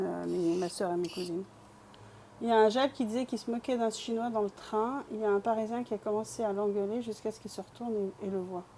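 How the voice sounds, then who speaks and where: Painting as she talks to her stream chat, this woman from Bresse in eastern France is chatty and pokes fun at herself. She has a warm, mid-range voice, and there's a little hiss or hum behind it.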